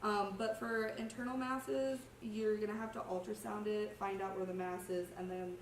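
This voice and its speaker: A young adult woman with a cough, speaking at a normal speed in a medium-pitched voice with little pitch movement, gives an informal slide presentation as a student. She explains things casually and a little hesitantly, recorded on a distant mic in a roomy space with faint noise.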